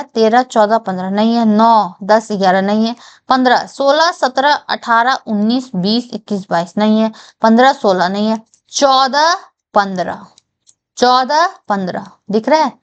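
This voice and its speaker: A woman's voice: on the high side, smooth. A young adult woman teaching an exam-prep reasoning lesson. She counts aloud step by step and checks whether her students understand.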